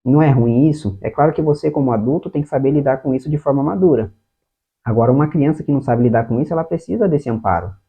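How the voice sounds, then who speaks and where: A man's voice: medium pitch, fast, husky. A man with a Brazilian Portuguese accent, a therapist giving earnest parenting advice straight to the viewer. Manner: earnest, explanatory, addresses the viewer directly. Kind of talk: self-help talk to camera. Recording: narrow phone-like sound.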